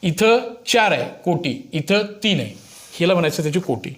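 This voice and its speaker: Male maths teacher, high-pitched voice, explaining to children, step-by-step lesson, frequent check questions. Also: lively intonation, moderate pace.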